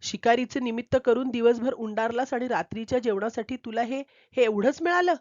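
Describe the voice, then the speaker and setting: A woman voicing a sharp-tongued hunter's wife who snaps at her husband in a storybook. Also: a little high, brisk, no room sound, natural voice. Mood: scolding. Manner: snapping, scolding. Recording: dull, dry lo-fi recording.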